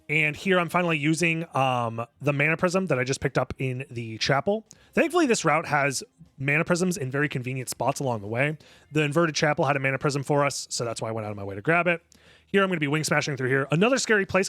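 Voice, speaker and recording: Higher-voiced man, speedrunner commentary over music. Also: fairly bright tone, dry recording. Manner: analytical, step-by-step explaining. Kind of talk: casual explanatory speedrun commentary. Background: music under the voice.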